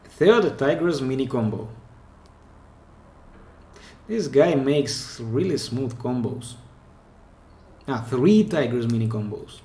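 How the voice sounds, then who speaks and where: A man with a Russian accent gives relaxed commentary on viewer clips. He talks at an unhurried pace and often breaks off to restart a phrase. The sound has the echo of a bare room. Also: mid-range voice. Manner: chatty, hesitant, restarts mid-phrase. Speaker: pen spinning channel host. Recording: echoey room.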